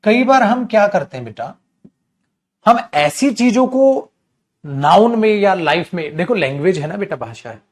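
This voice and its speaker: This man's voice is high and very animated, delivered at a measured pace. Teaching English grammar on a live stream, he keeps an eye on the comments, addresses students as "beta," repeats important terms, and plays out small scenes with students and their mothers.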